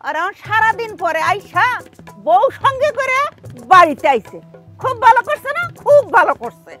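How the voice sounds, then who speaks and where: An actress playing a fierce, sarcastic village mother-in-law who scolds loudly. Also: extremely high pitch, expressive, normal speed, soft background music, full character voice. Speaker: mother-in-law in a comedy drama.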